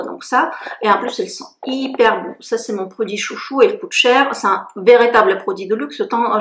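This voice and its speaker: A French woman blogger giving a frank, chatty review of beauty products she has used up, blunt and self-mocking. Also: mid-range voice. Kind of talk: casual talking-head review. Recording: echoey room with faint noise.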